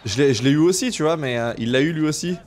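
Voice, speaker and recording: A man's voice: a little high, quick pace, slight background noise. A man streaming a shooter game, joking with his chat in casual commentary, making sound effects and slipping into mock English. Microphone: gaming headset.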